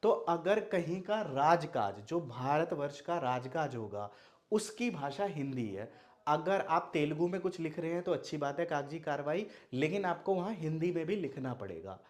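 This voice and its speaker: His pitch is fairly high and his tone darkish, with lively intonation at an ordinary pace. The young man, from Madhubani in Bihar, India, and a first-language Maithili speaker, teaches Hindi in an online video lesson, answering the questions he poses.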